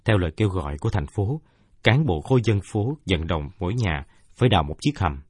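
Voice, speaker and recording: A man narrating a first-person story in a steady, measured way. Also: deep voice, husky, no room sound, clean studio sound.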